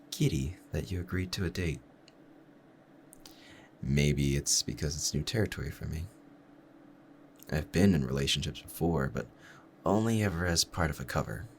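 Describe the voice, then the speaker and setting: In a roleplay audio drama, a man voices a lovestruck assassin, addressing the listener with formal, measured courtesy and quiet menace. His exaggerated voice rumbles low over a little hiss or hum, and he sounds flattered and giddy.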